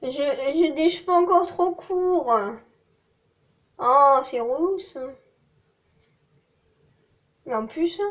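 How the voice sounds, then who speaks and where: Chatty high-voiced southern French woman. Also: very slow, long pauses. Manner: chatty, rambling, self-mocking with frequent laughs. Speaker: vlogger. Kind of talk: casual vlog chat.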